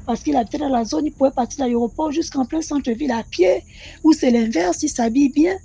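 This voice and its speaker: A woman telling her own mystical experience in an animated, repetitive way, speaking directly to the channel. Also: high voice, fast talker, vocal fry, highs cut off. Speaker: caller sharing a personal story. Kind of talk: personal testimony storytelling.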